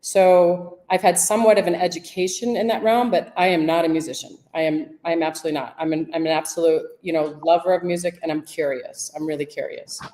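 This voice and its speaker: A woman with a somewhat low voice talks casually as a podcast guest. She pokes fun at herself and chats easily, often restarting her sentences. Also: steady tone, mellow. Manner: self-deprecating, chatty with halting restarts. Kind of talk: casual interview chat.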